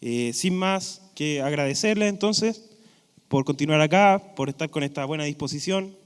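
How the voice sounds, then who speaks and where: A man's voice: on the high side, normal speed, clean tone. A man with a Chilean accent moderating a conference panel, introducing speakers and often adding short tag questions. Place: large echoing conference room. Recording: reverberant conference hall.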